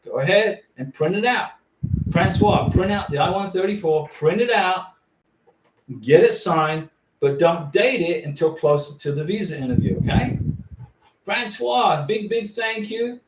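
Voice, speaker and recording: Reading out questions from his viewers, a man with a fairly high voice answers them plainly on a casual livestream, sounding animated but a little slow. His distance from the mic, the echoey room and the clear background noise make for a roomy, noisy recording.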